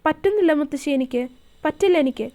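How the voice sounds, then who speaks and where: A woman voicing a tearful young woman who talks hesitantly, halting and repeating her words. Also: high voice, dark tone, lightly acted.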